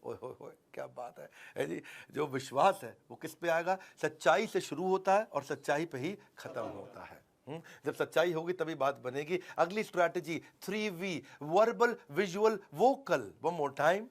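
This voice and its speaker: A man with a fairly high voice leads a motivational sales seminar. He is animated and keeps quizzing his audience and acting out short dialogues as he teaches. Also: moderate pace, hardly any pauses. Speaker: sales trainer.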